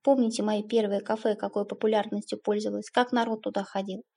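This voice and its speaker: A woman's voice: mid-range voice, flat delivery, quick pace, vocal fry, dark tone, breathy edge. A woman playing a drunk, whining middle-aged father. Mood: self-pitying. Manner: whining, lurching between anger and remorse. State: drunk and hysterical.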